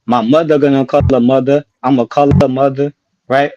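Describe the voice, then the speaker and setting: A man's voice: mid-range voice, little pitch movement, brisk. Casual male caller on a crackly bluetooth headset, muffled audio, keeps tagging "right?". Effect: bluetooth headset mic with crackling sounds. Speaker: participant in an online discussion call. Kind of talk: casual group discussion. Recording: muffled bluetooth mic with faint clicks.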